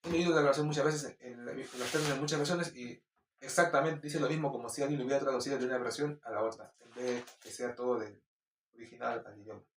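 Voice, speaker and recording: A man with a Peruvian Spanish accent, slowly reading Bible verses and commenting on them informally, with halting restarts. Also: mid-range voice, steady tone, a little hiss or hum. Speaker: Bible teacher. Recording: roomy echo, distant mic.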